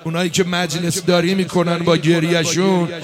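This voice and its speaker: A man leading a mourning gathering, speaking and chanting a lament with great passion, at times shouting, at times drawing words out in a slow wail. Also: a little high, level tone. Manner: impassioned, moves between speech, shouting and slow wailing chant. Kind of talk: Shia mourning recitation, spoken and chanted. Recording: crowd of mourners audible behind.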